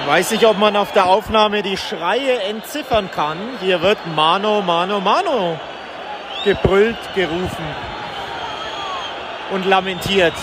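Shouting excitedly over the roar of a cheering football crowd, this podcast host speaks slowly in a high-pitched voice. He's reporting casually and live from an outdoor stadium stand, and the field recording is full of loud crowd noise.

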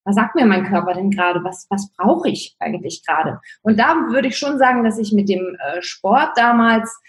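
A woman's voice: mid-range voice, moderate pace. A woman speaking as an interview guest in casual conversation, reflective and thinking aloud with many fillers. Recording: roomy echo.

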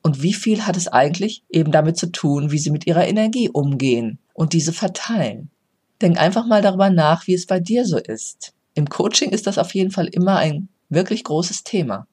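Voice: medium pitch, lively intonation, brisk, darkish tone, breathy edge. A life coach giving an earnest motivational talk, speaking directly to the listener.

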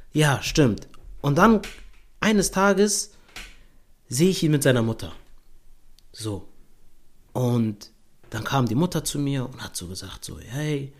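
Young guy podcast host telling a story, casual and animated, slangy, lots of little filler words. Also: medium pitch, slow pace, pauses often.

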